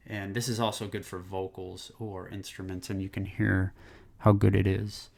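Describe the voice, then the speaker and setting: A man casually talking through a microphone test at home, rambling with fillers and moving closer and farther from a desk condenser mic. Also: lowish voice. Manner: easygoing, rambling, lots of fillers. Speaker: tech reviewer. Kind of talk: casual product demo. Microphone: condenser desk microphone, distance changing.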